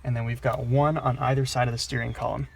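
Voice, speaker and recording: Gravelly and husky, a man's mid-range voice delivers a flat, quick-paced walkthrough as he works on a car dashboard. It's a casual, hands-on installation tutorial, with each step explained in a plain-spoken manner.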